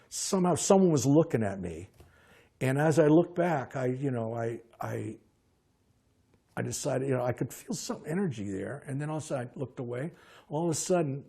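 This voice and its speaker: An older man recalling personal memories as a lively storyteller, often halting and restarting his sentences. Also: mid-range voice, gravelly, husky. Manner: halting, frequent restarts and fillers.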